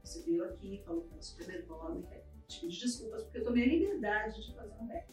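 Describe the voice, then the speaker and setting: This podcast guest, a woman with an animated, slightly dark mid-range voice, tells a personal story at speed and vividly acts out what each person said. The sound is roomy and distant, with faint background music.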